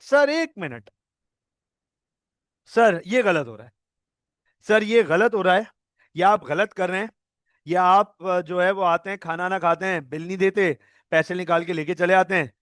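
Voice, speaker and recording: High-voiced playful male tutor. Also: a bit bright, no room sound, clean studio sound. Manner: playful, acts out scenarios, mixes English terms. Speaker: accounting tutor. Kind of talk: online lecture.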